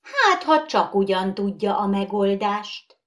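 A woman's voice: mid-range voice, very animated, lightly acted. A woman voicing a nervous, vain porcelain doll in a storybook reading, prim and easily indignant. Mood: hopeful.

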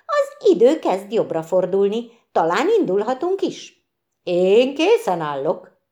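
A woman voicing an eager, excitable little male cricket in a storybook reading, asking quick, bright questions. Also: a little high, pitched above the performer's own voice.

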